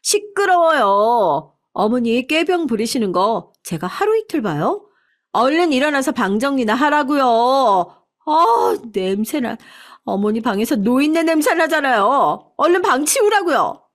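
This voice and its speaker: A woman voicing a cruel young wife who shouts shrilly at her mother-in-law. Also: high-pitched, very animated, unhurried, voice pushed up. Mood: contemptuous.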